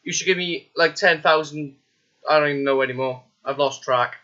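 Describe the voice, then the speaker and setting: A man's voice: a little high, a little fast, pushed and bright. A man chatting casually and crudely to strangers on a video chat for his vlog. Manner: joking, crude, rambling. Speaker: vlogger. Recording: dull lo-fi webcam mic.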